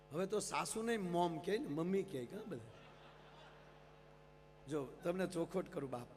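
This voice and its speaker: A man telling humorous stories to a big live audience, acting out quick exchanges between characters. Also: high-pitched, in a large hall, slight background noise. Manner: lively storyteller, quick character exchanges, addresses audience as sir. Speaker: folk comedian on stage. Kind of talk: live stage humor storytelling. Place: large stage event.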